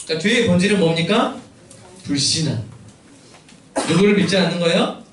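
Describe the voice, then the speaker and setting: A man preaching a sermon as pastor, his fairly high voice carrying through a reverberant church sanctuary. He keeps asking the congregation questions and answering them himself. The sound is picked up from some way off, with faint room ambience behind him. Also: brisk, far from the mic, a little hiss or hum. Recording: echoey church hall, mic from afar.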